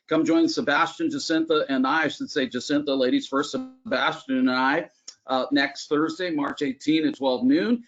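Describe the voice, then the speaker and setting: Male webinar host, slightly high voice, chatty and upbeat, frequent "uh"s, dull video-call audio. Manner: chatty, upbeat, many filler "uh"s. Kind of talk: casual webinar presentation.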